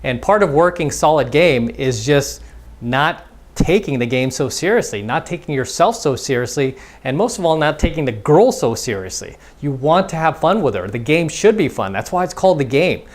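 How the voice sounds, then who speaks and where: A man coaches as a dating instructor in a voice on the high side, with lively intonation and a moderate pace. His instructional monologue is casual and repetitive, and he acts out snippets of quoted dialogue.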